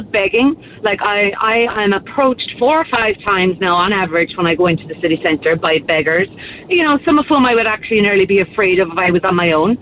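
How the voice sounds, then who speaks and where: A woman's voice: mid-range voice, a bit bright. An Irish woman with a southwestern Kerry accent, speaking emphatically and indignantly as a caller to a radio phone-in. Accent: southwest of Ireland, Kerry. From County Kerry, Ireland. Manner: emphatic, forthright. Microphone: telephone. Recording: dull phone-in line, faint noise.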